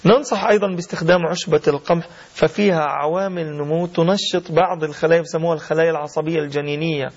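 A fast-talking man with a slightly raised voice explains health matters fluently to radio callers. The sound is dull and lo-fi, like an old radio broadcast. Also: a little high, steady tone. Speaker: radio host, herbal health adviser. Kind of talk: call-in health advice.

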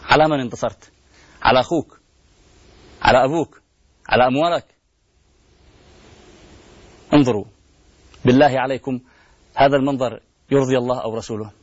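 On dull lo-fi broadcast audio, a male TV host pleads passionately, using rhetorical questions and recurring refrains. He speaks quickly with long pauses in a husky, mid-range voice, and the recording is dry.

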